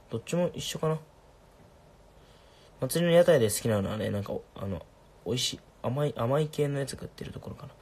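A young man casually answering viewer questions on a livestream, laid-back and soft-spoken. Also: medium pitch, gravelly, breathy edge.

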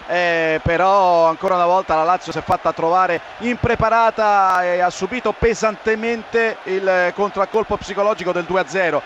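A man from Italy giving live radio match analysis as second commentator, in a raised voice with halting phrasing. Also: high voice. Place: football stadium commentary position. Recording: dull lo-fi feed with loud crowd. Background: noisy crowd.

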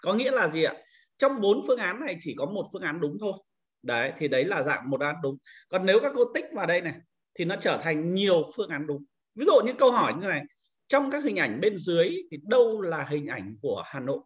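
A man giving a patient, step-by-step screen-recorded software tutorial to teachers, explaining each click as he goes. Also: sits high, very animated, fast talker, highs cut off. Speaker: teacher trainer.

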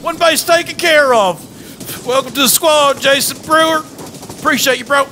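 Man doing a high-pitched, foul-mouthed drill sergeant. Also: normal speed. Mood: gruff, alert. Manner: barking orders, swearing, strained. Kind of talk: improvised in-game role-play over voice chat. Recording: voice over loud game battle noise.

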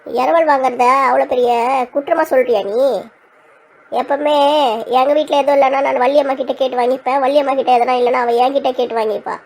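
A woman's voice: sits high, steady tone, fast, gravelly, darkish tone. A woman playing a feisty, quarrelsome old grandmother in a comic village skit, scolding and threatening. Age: older. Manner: scolding, threatening, then tearful.

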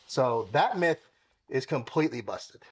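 Speaking at a medium pitch with a sing-song, unhurried lilt, a young man hosts a car-detailing channel. He casually demonstrates products in a home garage with a tiled floor, hands busy, moving around while talking to the camera mic.

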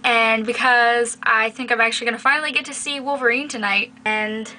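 A woman's voice: on the high side, fairly even intonation, brisk, bright, forceful tone. A young adult woman chatting casually and playfully to camera as a video blogger, recorded in a small bedroom on the camera's mic. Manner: playful, teasing. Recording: noisy home webcam-style recording.

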